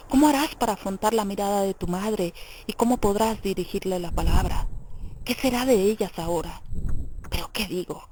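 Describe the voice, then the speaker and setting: A woman's voice: mid-range voice, a little mellow, slight background noise, natural voice, low-quality recording. A woman reading a pleading devout young woman. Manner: pleading, urgent. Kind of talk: audiobook character reading.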